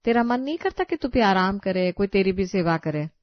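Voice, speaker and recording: A woman voicing a kind older mother-in-law who scolds fondly and calls out loudly in a cartoon. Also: lowish voice, lively intonation, moderate pace, dry recording, lo-fi sound. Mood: fussing caring.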